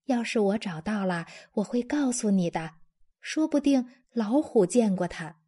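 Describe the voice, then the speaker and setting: A woman's voice: medium pitch, expressive, measured pace, mellow, slightly rough. A woman reading a storybook, voicing a kind lion parent who frets and exclaims. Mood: fretful.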